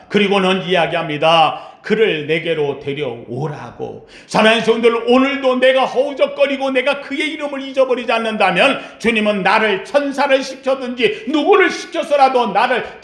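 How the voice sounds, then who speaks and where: A male pastor preaching a sermon with passion, sometimes shouting to stress his point. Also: high-pitched, normal speed, vocal fry, few pauses, roomy sound. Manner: impassioned preaching, shouting out the pleas of the blind beggar.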